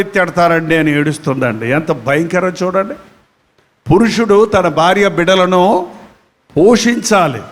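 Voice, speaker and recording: High-voiced preacher in a reverberant hall. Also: male voice. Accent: Telugu. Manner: repetitive, questioning the congregation. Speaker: pastor. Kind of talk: sermon.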